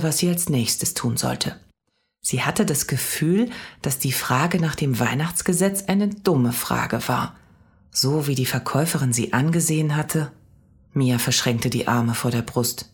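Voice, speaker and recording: A woman reading a children's story aloud, calm and steady. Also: very deep voice, breathy edge. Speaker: narrator.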